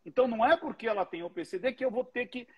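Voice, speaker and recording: Husky animated man. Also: very high-pitched, racing. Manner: animated storytelling, swears freely. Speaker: guest, oratory teacher. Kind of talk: casual commentary chat.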